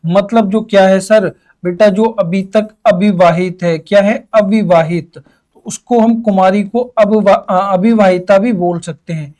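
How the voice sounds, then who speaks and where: Brief: young male teacher, high voice, quizzes the class and answers in students' voices, drags out key words. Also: steady tone, unhurried, dark tone. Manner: asks questions and answers them in students' voices. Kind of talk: exam-prep Hindi lesson.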